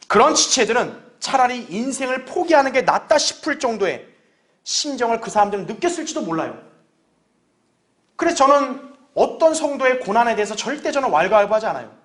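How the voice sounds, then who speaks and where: A man with a high-pitched voice delivers a Sunday sermon as a pastor. He talks to his congregation in an earnest, conversational way, leaning on rhetorical questions to press his point home.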